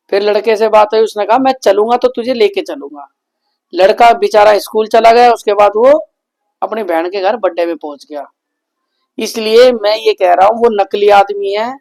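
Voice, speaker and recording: A man's voice: sits high, a little mellow. A man in his thirties talks straight to the camera in a casual family vlog. He complains in an indignant tone. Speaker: vlogger, father.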